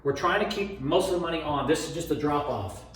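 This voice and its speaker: Calling out rolls, bets and payouts like a craps dealer, this man mutters running tallies and repeats numbers as he shows off a betting strategy. He talks briskly in a fairly high voice. It's recorded in an echoey room on a distant mic, with faint noise and clicks.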